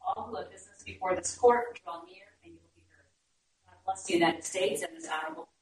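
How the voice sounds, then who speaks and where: A woman's voice: fairly low pitch, fast, crowd noise. Distant, echoey woman court crier. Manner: formal and declamatory. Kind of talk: ceremonial courtroom call to order.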